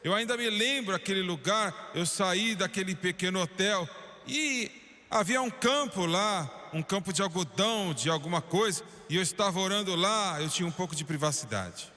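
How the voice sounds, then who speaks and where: A man with a Brazilian Portuguese accent giving a dubbed sermon, telling a story fervently and swinging from hushed lines to emphatic ones. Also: high voice, lively intonation, moderate pace. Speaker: preacher voice-over in Portuguese. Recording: long hall reverb.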